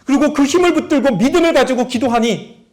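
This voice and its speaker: This middle-aged male pastor is a fast talker with a very high, slightly mellow voice, preaching a sermon built on stories. He acts out prayers in a raised voice and speaks straight to the congregation, posing questions to them.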